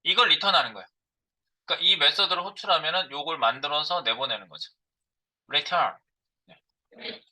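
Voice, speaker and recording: A middle-aged man teaching a programming class, his very bright voice sitting a little high. His pitch swings widely as he talks through code while typing. He keeps asking his students questions and then answering them himself. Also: lively intonation, moderate pace, pauses often, poor audio. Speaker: programming instructor. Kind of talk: live coding lecture.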